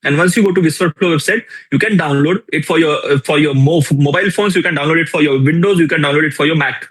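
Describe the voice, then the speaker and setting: An energetic Indian man leads a live online tool demonstration as a workshop instructor, speaking fast in a slightly high, husky voice with an Indian English accent. He repeats phrases and poses questions to the audience, and the recording is rough.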